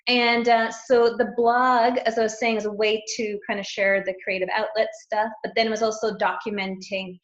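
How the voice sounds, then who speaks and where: A woman's voice: on the high side, level tone, moderate pace, hardly any pauses. A middle-aged woman, a guest coach, chatting casually in an interview, rambling and laughing often. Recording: roomy, dull lo-fi sound.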